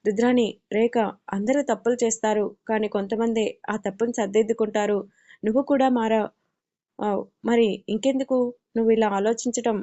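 A caring young woman friend with a gentle, reassuring way of speaking, as a woman storyteller reads her lines. Her voice sits a little high yet stays flat and mellow in tone. The storybook audio sounds slightly dull. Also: moderate pace, close to an everyday voice. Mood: gently reassuring.

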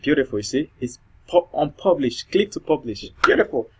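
Animated and a little high-pitched, this male programming tutor talks at normal speed in a slightly mellow, husky voice. He speaks English with a non-native accent, as it isn't his first language, thinking aloud through a screen-recorded coding tutorial with many fillers and restarts.

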